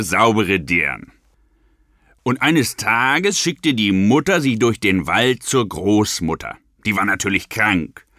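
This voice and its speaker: Man, comic fairy-tale narration, salty sailor yarn manner, very animated, dry sound. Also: on the low side, no echo. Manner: salty old-sailor yarn spinning, mock-earnest asides. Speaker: storyteller.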